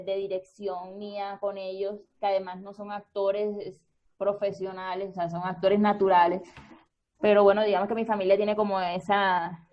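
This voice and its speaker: This medium-pitched woman, a radio theatre actress and director, chats casually, often starting her sentences hesitantly. The recording sounds muffled.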